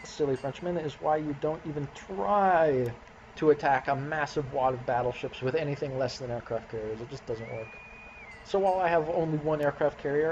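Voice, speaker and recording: A man's voice: medium pitch, a little mellow, muffled recording, slight background noise. A man casually commentating his own strategy game session, chuckling and talking to his units as he plays. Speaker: gameplay commentator.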